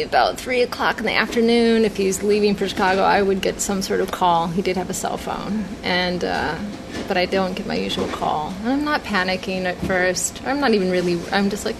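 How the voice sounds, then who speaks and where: Woman telling her own story, earnest, acts out the quotes, noisy recording behind her. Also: medium pitch. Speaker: storyteller guest. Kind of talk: personal storytelling. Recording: noisy background.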